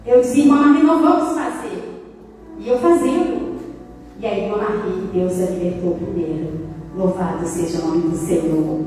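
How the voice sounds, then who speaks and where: This woman preacher has a lowish, warm voice and a moderate pace as she gives an impassioned testimony sermon, dramatizing her story and drifting into song. The recording is echoey and distant, made in a big church hall with faint music.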